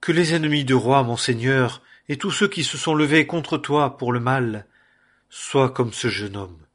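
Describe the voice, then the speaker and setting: A runner bearing news addresses his king in a formal, deferential way, as a male reader voices him. The voice is husky and breathy, read aloud from scripture. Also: medium pitch, measured pace, natural voice.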